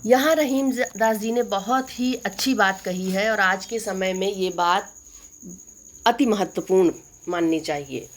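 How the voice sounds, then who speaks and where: Woman teacher explaining poetry for exams. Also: medium pitch. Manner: asks rhetorical questions and answers them; recites verse lines slowly and deliberately. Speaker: Hindi teacher. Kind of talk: exam-focused poetry lesson.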